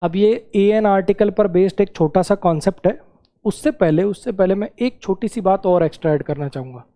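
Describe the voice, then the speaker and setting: Mellow-voiced man teaching grammar. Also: high-pitched, a little fast. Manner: repeats key words and checks understanding. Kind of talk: classroom lesson.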